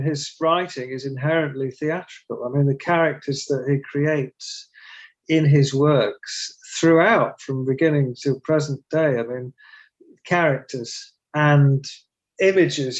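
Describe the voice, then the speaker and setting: A middle-aged man talking in an interview as a guest, animated and emotional, laughing often and poking fun at himself. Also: on the high side. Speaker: guest, translator and stage performer. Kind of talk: conversational interview.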